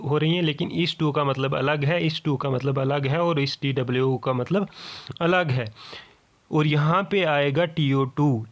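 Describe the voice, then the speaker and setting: A male teacher with a slightly high voice leads an exam-prep grammar lesson. He reads each example sentence slowly, word by word, and keeps checking in with his students by saying "okay.".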